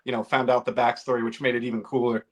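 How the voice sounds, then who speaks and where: A man co-hosting a casual podcast in a middle-pitched voice. He talks in a halting way, filling gaps with "uh" as he goes. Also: flat delivery. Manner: hesitant, many "uh"s. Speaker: podcast co-host.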